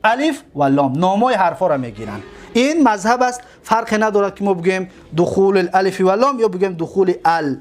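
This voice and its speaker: A man with a Tajik accent teaching grammar in a lecture, asking questions and answering them himself and drawing out his examples slowly. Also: high-pitched, expressive. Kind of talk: classroom lecture.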